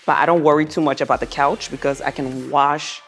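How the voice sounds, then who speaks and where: Low-voiced woman gushing through a home tour. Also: steady tone, fairly quick. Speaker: vlogger giving a home tour. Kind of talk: casual home makeover tour, talking to viewers. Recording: music behind the voice. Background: background music.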